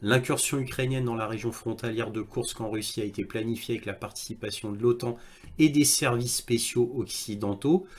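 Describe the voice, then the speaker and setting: A man commenting on video clips and reading articles aloud, with halting delivery and frequent hesitations. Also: mid-range voice. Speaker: online news commentator.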